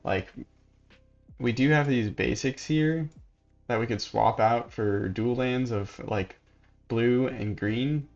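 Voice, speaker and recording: A man's voice: mid-range voice, slow pace, creaky, soft background music. Laid-back man with a dull lo-fi mic. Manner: relaxed, thinking aloud. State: sleepy, yawning. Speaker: gaming channel host. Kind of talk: casual gameplay commentary.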